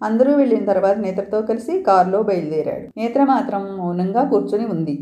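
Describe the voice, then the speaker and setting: A woman storyteller calmly reading a romance story aloud. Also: mid-range voice, brisk, roomy sound, muffled recording.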